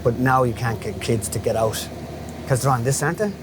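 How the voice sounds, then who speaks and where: Casting: man in his fifties, west of Ireland accent from Galway, mid-pitched, casual storyteller, recorded amid clear traffic noise. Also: a little fast. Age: 50s. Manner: chatty, colloquial, often checking in with "you know". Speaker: interviewee, local window cleaner. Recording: noisy street ambience with traffic.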